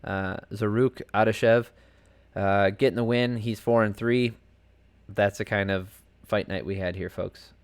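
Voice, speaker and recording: Low-pitched male podcast host, chatty and rambling, casual solo commentary from a home desk. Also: steady tone, measured pace, clear, resonant tone. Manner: rambling and chatty, heavy on fillers and asides. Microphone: home desk setup.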